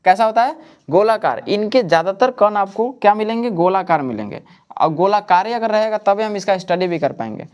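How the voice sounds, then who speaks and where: A man's voice: high-pitched, animated, a little fast, darkish tone, smooth. A man teaching in a coaching classroom. He keeps asking the class questions and answering them himself. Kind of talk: classroom lecture.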